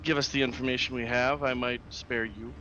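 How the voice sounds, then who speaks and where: Man playing a calm, chillingly psychopathic winged warrior. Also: mid-range voice, fairly quick, muffled recording, a little hiss or hum, natural voice. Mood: calm menace. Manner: calm, menacing, like a serial killer. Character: winged male warrior, coldly merciless captor.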